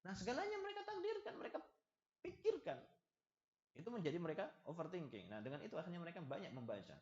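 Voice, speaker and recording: Male preacher for a lecture: animated, joking, acts out small dialogues; slightly high voice, echoey muffled room. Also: quick pace. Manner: lively, acts out little dialogues and jokes with the audience. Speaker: preacher giving a study lesson. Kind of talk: religious study lecture. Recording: echoey, slightly dull hall recording.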